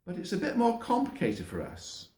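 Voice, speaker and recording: Drawing on a map as he talks, a middle-aged man teaches young children with patience and gentleness. His high-pitched voice swoops wildly, and his pace is moderate.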